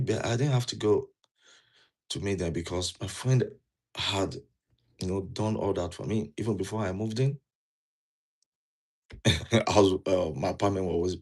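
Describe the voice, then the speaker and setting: Speaking in Nigerian English, this vlogger has a fairly low, slightly mellow and somewhat rough voice. Indoors in a jacket, he gives earnest immigration advice in a casual way, repeating his main points and asking viewers questions.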